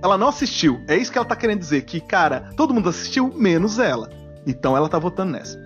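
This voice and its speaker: A man's voice: high voice, racing, lo-fi sound, soft background music. A man in his forties hosting a casual comedic podcast, reacting to guests' stories and joking a lot. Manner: jokey, animated, acts out silly voices. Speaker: podcast host.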